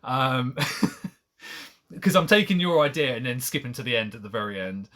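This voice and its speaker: A man's voice: mid-range voice, animated, normal speed, fairly bright tone. A man reading a novel aloud on a live stream, breaking off to mock the text with sarcastic asides and frequent laughter.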